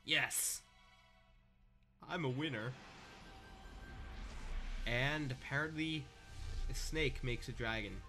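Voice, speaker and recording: Taking it slowly with long pauses, this young gamer speaks in a medium-pitched voice with a bright, forceful tone. He sarcastically narrates his video game over faint game music, veering into joking asides and abandoning sentences halfway.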